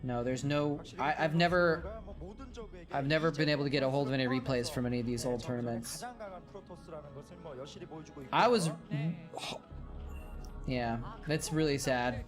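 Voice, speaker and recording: A former game caster turned streamer chats loosely while watching old matches, his voice worn from hours of talking; he keeps restarting sentences and reads chat aloud to answer viewers on the fly. Steady music plays beneath his medium-pitched, fairly even voice, which is unhurried with long pauses.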